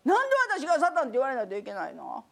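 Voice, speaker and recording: Woman acting indignant believer, huffy complaining, high lively voice. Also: very fast, creaky.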